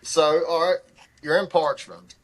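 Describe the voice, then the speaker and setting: A man's voice: a little high, unhurried. Casual male podcast host. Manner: casual, encouraging questions. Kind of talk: conversational interview.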